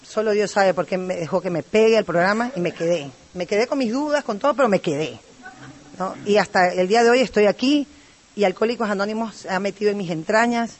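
With a brisk, mid-range voice that has a darkish tone, a woman from Ecuador gives her testimony to a recovery group in an Ecuadorian Spanish accent. She chats on and on, piling up asides and tag questions as she goes.

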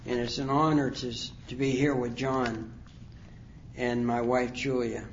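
In a conference hall, a man in his 60s recounts his recovery in a rambling way, full of pauses and fillers. There's little movement in his ordinary mid-range pitch, and the dull, lo-fi recording has a faint ambient hum behind him.

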